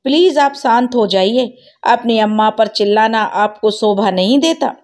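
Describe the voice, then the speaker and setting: Read-aloud story: woman voicing a soft-spoken young wife, pleading and polite. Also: on the high side, measured pace, natural voice. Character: gentle young wife calming her husband.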